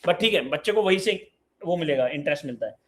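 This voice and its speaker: A man in his late twenties hosts a live online parenting session. His voice sits a little high for a man, and he reads out viewer questions before answering them in an easy, conversational way. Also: lively intonation, fast. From Uttar Pradesh, India. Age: 20s.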